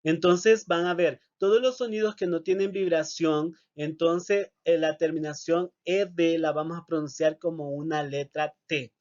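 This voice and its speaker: Man, teacher, slow, repeats words, slightly high voice. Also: steady tone, darkish tone, dull audio. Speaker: English teacher. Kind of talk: recorded video lesson.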